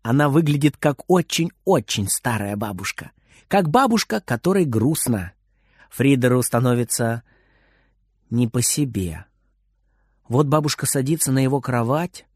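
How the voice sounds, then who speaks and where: A man reading a children's storybook aloud in a lively, expressive way. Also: mid-range voice, no room sound, clean studio sound. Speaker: narrator.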